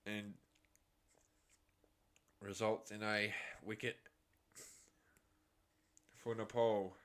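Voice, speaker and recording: Australian man, live cricket reaction commentary, unhurried delivery, crisp voice. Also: fairly low pitch. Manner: excitable calls, chatty asides.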